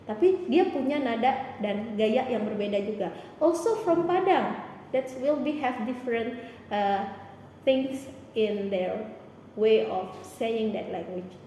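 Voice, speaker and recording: A woman's voice: a little high, warm tone, a little hiss or hum. Woman English teacher, Palembang accent, echoey hall. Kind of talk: explanatory interview answers mixing Indonesian and English.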